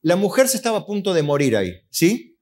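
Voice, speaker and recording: Animated Argentine pastor preaching. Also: male voice, high-pitched, a little fast. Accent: Argentine Spanish. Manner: animated preaching that acts out voices of God and the complaining believer; asks the congregation questions and answers them himself. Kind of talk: sermon.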